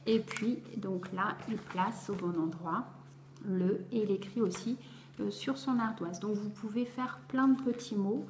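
A woman's voice: medium pitch, a little slow, darkish tone. A woman reading tutor explaining a learning method to parents, hesitant and full of fillers. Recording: echoey room with faint background noise.

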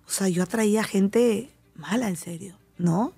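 A middle-aged woman with a Mexican accent, talking as a guest on a talk show and telling personal stories with lively, acted-out quotes. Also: medium pitch, unhurried, creaky, slightly rough, no room sound, soft background music. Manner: animated storytelling, acting out quoted voices. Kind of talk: casual talk show conversation.

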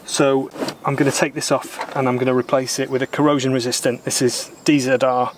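Briskly and calmly, a man in his thirties from Britain explains repair steps as he fixes a boat in an outdoor garden workshop. He's a methodical, plain-spoken sailor, now and then blunt and mildly opinionated, and his pitch remains level. His outdoor camera mic picks up a faint hum.

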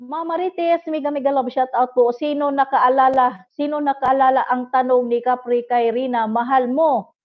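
A woman's voice: sits high, fairly even intonation, moderate pace. A middle-aged woman hosting a livestream, chatting casually and politely with viewers and giggling often. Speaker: livestream host. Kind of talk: casual live chat reading viewer comments. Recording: dull lo-fi livestream audio.

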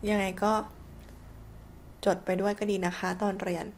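Woman, English teacher, Thai accent, spells words out letter by letter, very slow, patient classroom delivery. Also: mid-range voice, flat delivery, a little mellow, slight background noise. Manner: spells words letter by letter and repeats them slowly.

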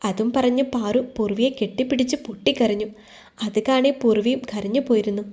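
A woman reads a romantic story aloud in steady, calm narration. Her voice sits slightly high but sounds soft and mellow. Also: a little fast. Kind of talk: scripted narration.

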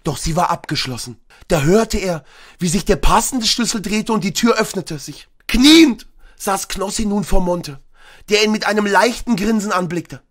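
A man streaming, who reads a story aloud and chats casually, talking loudly and boisterously and breaking into shouts. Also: sits high, normal speed. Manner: loud, boisterous, bursts into shouts. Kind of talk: reading a story aloud, then casual chat.

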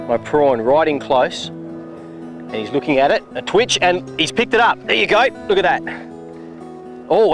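A middle-aged Australian man, pitched a little high, demonstrates fishing outdoors by a river. He explains steadily, then breaks into enthusiasm when a fish strikes. Soft music sits faintly behind him. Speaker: fishing show host.

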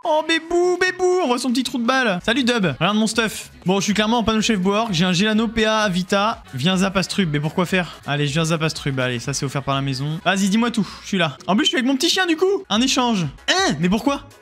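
A man's voice: high-pitched, animated, quick pace, hardly any pauses, fairly bright tone, soft background music. A man streaming a video game, joking with his chat in a casual, exclamatory way. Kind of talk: casual live-stream gaming commentary.

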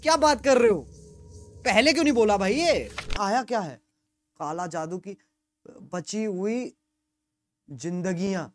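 A man streaming a horror game, commentating live with panicky yelling and crude jokes. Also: high-pitched, a little slow, pauses often, soft background music. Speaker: gaming streamer.

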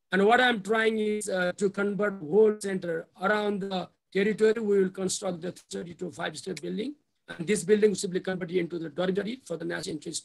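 A middle-aged man with a Nepali accent presenting slides on a video call in halting, repetitive phrases. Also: high voice, gravelly. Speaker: university official presenting a development plan. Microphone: video call microphone.

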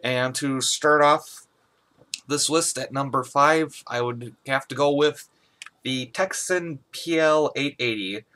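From a small bedroom, a young man gives a casual, somewhat hesitant hobbyist review of a product for his video. He takes it slowly, his mid-range voice pushed and bright.

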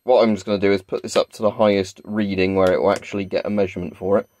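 Speaking very fast in a deep voice with flat delivery, this video creator demonstrates a gadget on camera, chatting casually and unscripted. He's indoors in a small carpeted room at home, and a clicking Geiger counter crackles clearly in the background.

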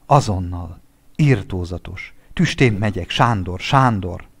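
A man's voice: low-pitched, expressive, husky, full character voice. A man voicing a startled writer just woken from sleep, speaking in short, clipped exclamations in a storybook reading. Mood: urgent.

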